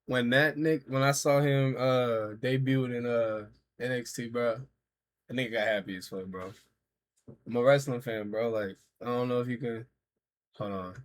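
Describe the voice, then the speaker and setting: A man's voice: medium pitch, fairly even intonation, moderate pace. A man in his thirties, a streamer, reacting casually and talking to his chat in loose, profane slang. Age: 30s.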